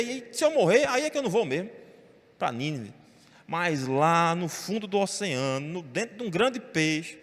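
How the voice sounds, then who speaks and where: A man preaching a sermon as pastor, telling Bible stories in an animated way and acting out the characters' lines. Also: sits high. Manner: animated storytelling, voicing biblical characters. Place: church sanctuary. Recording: long reverb of a church hall.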